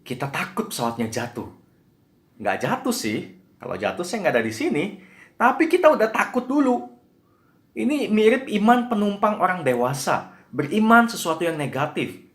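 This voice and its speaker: A man delivers a sermon, his voice rising and falling with animated storytelling. He sounds fairly high for a man and speaks in an echoey room. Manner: animated storytelling, acting out screaming passengers. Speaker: preacher.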